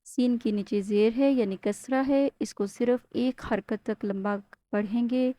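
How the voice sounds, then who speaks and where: A woman teaches Quran recitation in a patient, step-by-step way, often checking in with "ok?". Her voice sits fairly high but has a mellow, soft tone, and she stretches out the Arabic words slowly as models. The recording is dry and close. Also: fairly even intonation, dry recording. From Pakistan. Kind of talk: step-by-step Tajweed lesson.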